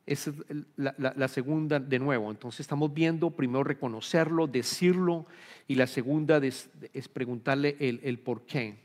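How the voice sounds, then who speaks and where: A man's voice: medium pitch, normal speed. A man preaching a sermon as pastor, earnest, acting out quoted prayers in a pleading voice, with many restarts of his words. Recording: long hall reverb.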